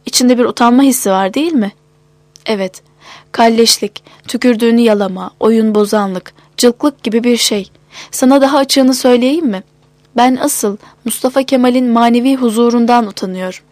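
A tipsy middle-aged gentleman from a storybook, speaking in a brooding, confessional way, as a woman reader voices him. He is heard close and dry, with no room sound at all. The voice stays fairly high for the part, because she does not lower it for him. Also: moderate pace, dry recording, lightly acted.

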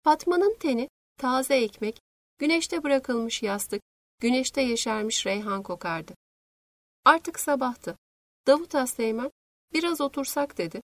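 A woman reading a novel aloud in measured, scripted narration. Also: on the high side, animated, no echo. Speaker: audiobook narrator.

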